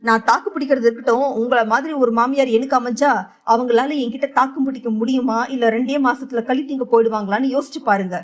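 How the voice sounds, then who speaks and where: A woman voicing a fierce, outspoken young woman in an audio novel, giving sharp, defiant retorts. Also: on the high side, fairly even intonation, fast talker, lightly acted. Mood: scornful.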